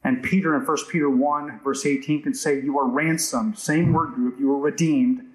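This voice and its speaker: A male pastor with a mid-range voice preaches a sermon conversationally, often checking in with the congregation through "right?" asides. The recording is low quality with a roomy sound.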